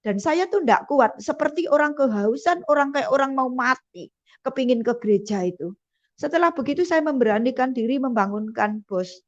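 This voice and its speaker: A woman's voice: high voice, expressive, normal speed. A woman giving an earnest personal testimony, repeating phrases for emphasis. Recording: dull lo-fi recording.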